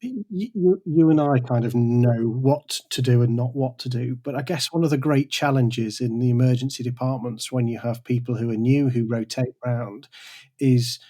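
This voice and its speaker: A man's voice: mid-range voice, moderate pace, mellow. Male podcast host asking questions. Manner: conversational, hesitant questioning. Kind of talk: podcast interview.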